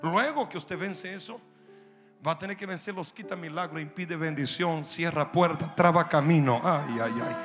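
A man preaching a sermon in a church hall, impassioned, with repetitive cadences that swell into shouting. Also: a little high, moderate pace. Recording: reverberant hall with music behind.

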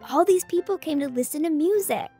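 A woman voicing a bright young girl explorer in a children's audio drama, explaining history facts in a clear storytelling way. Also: high voice, animated, brisk, faint music behind. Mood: excited.

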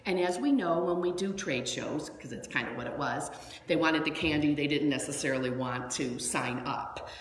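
A woman minister giving a sermon in a church, chatty and animated, telling stories with lots of asides. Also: sits low, moderate pace, a little hiss or hum. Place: church sanctuary. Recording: echoey hall with long reverb.

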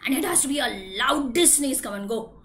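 A woman's voice: sits high, animated, brisk, fairly bright tone, a little hiss or hum. A woman, telling a children's story expressively and dramatically, with questions to young listeners. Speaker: preschool storyteller. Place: small indoor room with bare wall.

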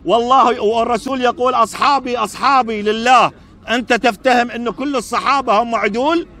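A man's voice: very high voice, fairly even intonation, rapid-fire, bright, forceful tone. A man with an Iraqi accent, a native Arabic speaker, arguing insistently in broken English at an outdoor debate. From Iraq. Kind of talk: street debate. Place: outdoors at a public park.

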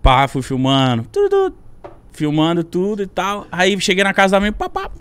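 A young man telling a story as a podcast guest, animated and slangy, with a lot of swearing. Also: high-pitched, brisk, clean tone. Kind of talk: casual storytelling. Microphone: studio podcast mic.

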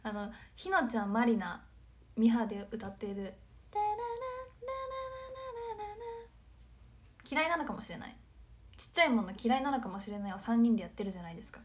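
A woman in her twenties from Nagano, chatting casually on a livestream, giggling and drifting into soft whispered asides. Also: a little high. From Nagano, Japan. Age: 20s. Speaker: livestream host. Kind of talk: casual chat reading viewer comments.

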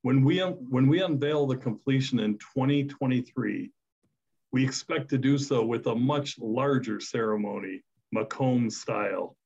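Middle-aged man, husky voice, upbeat briefing remarks, muffled webcam sound. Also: mid-range voice, a little slow, a little mellow. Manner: upbeat, promotional, emphatic. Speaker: health system executive. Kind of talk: prepared remarks at a media briefing. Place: office, indoors. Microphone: video call webcam. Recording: dull lo-fi video call audio.

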